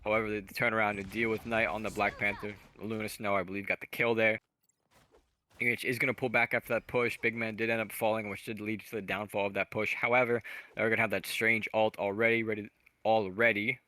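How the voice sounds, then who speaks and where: A man doing fast play-by-play commentary on a college esports match, rattling off calls at an auctioneer's pace. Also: on the low side, flat delivery, bright, forceful tone, dry recording. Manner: rapid-fire play-by-play, self-described auctioneer pace.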